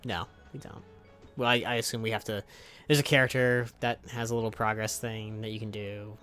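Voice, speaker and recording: A man's voice: lowish voice, little pitch movement, a little fast, fairly bright tone, soft background music. Wry man streaming a game. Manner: wry, self-mocking, muttering asides. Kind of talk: live stream gameplay commentary.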